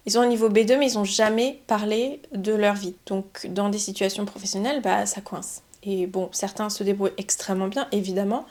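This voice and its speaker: Woman, young adult, from France, French teacher, methodical explainer, podcast talk, medium pitch. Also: moderate pace, hardly any pauses. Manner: calm, methodical explaining, building points step by step.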